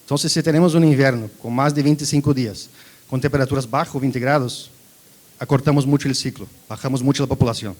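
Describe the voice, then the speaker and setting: A man's voice: medium pitch, fairly even intonation, brisk, darkish tone. Brazilian man presenting in Portuguese-tinged Spanish. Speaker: agricultural company researcher presenting. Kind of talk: technical presentation to an audience.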